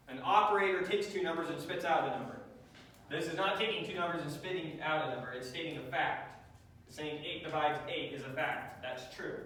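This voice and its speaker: A man lectures a math class, throwing questions at the students and slipping in dry jokes. His voice sits a bit high for a man. The recording is taken from across an echoey classroom, distant and full of reverb. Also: bright, forceful tone, a little hiss or hum. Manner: dry joking, quizzes the class. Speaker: math teacher. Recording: echoey classroom taped from far off.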